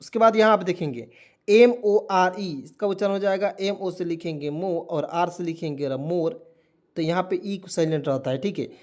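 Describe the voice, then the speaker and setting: A man's voice: high voice, normal speed, a little mellow. A man teaching a spoken lesson, spelling words letter by letter and asking viewers questions again and again. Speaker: English teacher.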